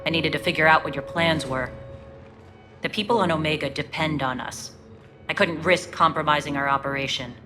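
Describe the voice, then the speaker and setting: A woman's voice: deep voice, a little fast, lightly acted. A woman playing a guarded, resolute alien gang leader in a video game, speaking in a clipped, commanding way. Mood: guarded, earnest. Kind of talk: dramatic video game dialogue.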